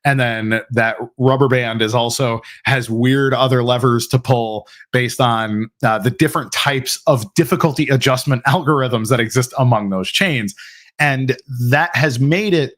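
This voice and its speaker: Hosting a live question-and-answer stream, a man speaks at a medium pitch, a little slowly, with a fairly bright tone. His delivery is casual and full of fillers and restarts, and he likes to mock-quote opponents.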